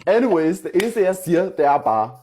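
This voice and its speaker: A man's voice: high voice, very animated, warm tone. A man arguing on a livestream, confrontational and sassy, dropping slang-heavy English phrases into his talk. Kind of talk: heated livestream argument.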